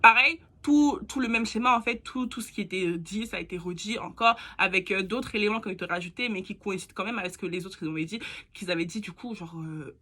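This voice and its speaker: Chatty young woman, bright husky voice. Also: quick pace. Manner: chatty, animated, slangy, with bursts of squeaky laughter and hushed asides. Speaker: vlogger. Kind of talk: casual storytime monologue.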